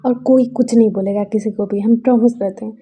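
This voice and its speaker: A woman's voice: on the high side, fairly even intonation, a little fast, mellow, husky. A woman voicing a doting, protective mother who coaxes and scolds. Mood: coaxing. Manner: coaxing and scolding.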